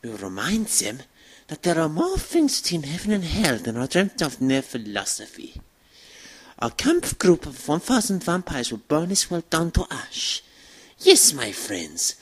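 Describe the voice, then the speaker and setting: A woman plays a war-loving vampire commander with a low, husky voice. The delivery is grandiose and savoring, swinging widely in pitch like a fanatical orator rallying troops. It is a theatrical anime villain monologue, full of relish. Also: sing-song, a little slow, exaggerated voice. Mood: triumphant. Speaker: fan dub performer.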